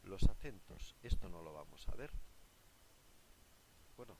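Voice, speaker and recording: A man's voice: sits low, expressive, a little slow, low-quality recording. A man teaching a recorded lesson, explaining a worksheet patiently and often checking in with his pupils. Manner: patient, often asks "¿de acuerdo?". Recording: loud background noise with clicks.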